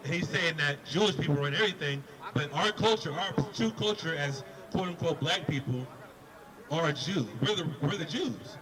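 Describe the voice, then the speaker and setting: Male street preacher, forceful debater, slightly raised pitch, recorded outdoors over a busy crowd. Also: normal speed, poor audio. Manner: emphatic, repeats words while pushing his point. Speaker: street preacher questioning a passerby.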